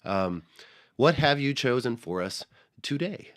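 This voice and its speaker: A man hosting a music podcast while fighting a head cold, his voice breathy, talking casually with a dry, self-mocking manner. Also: mid-range voice, lively intonation, measured pace, a bit bright. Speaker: podcast host.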